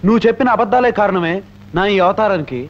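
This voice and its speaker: A man's voice: high-pitched, fast talker, close to an everyday voice. An actor playing a cheeky young village man who teases and boasts, heard on a dull old film soundtrack. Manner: teasing, boastful.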